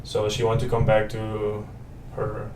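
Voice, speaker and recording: A man's voice: on the low side, monotone, a little slow, darkish tone, recorded from a distance. A young man in his twenties from Paraguay, a native Spanish speaker, chatting as a student guest in a friendly, rambling way with many fillers and restarts. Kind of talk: casual interview chat. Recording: roomy, off-mic with faint noise.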